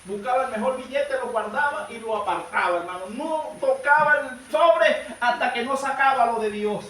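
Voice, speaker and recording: A man's voice: very high-pitched, normal speed, a bit bright. A man preaching a sermon at a church service, fervently addressing his listeners as brothers. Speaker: evangelist preacher. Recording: echoey hall, distant mic, faint noise.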